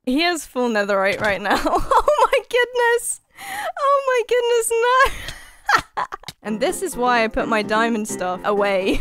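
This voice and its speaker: A woman giving live gameplay commentary as a gaming YouTuber, excitable, often repeating phrases in panicky bursts and laughing between lines. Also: a little high.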